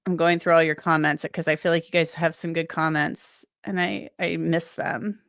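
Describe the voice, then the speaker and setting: A woman hosting a legal-commentary livestream works through viewer comments casually, thinking aloud with frequent restarts and asides. Her fairly low voice is gravelly, steady and fairly bright, a bit strained since she's recovering from a cold, and she talks at normal speed. The recording is close and dry.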